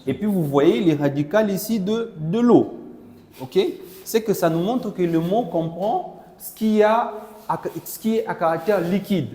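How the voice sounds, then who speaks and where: A man's voice: high-pitched, a little slow, mellow. A man interpreting a Chinese lesson into French for a class, explaining patiently and checking that students follow. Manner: explanatory, checks understanding with "non?" and "voilà". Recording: echoey classroom with long reverb.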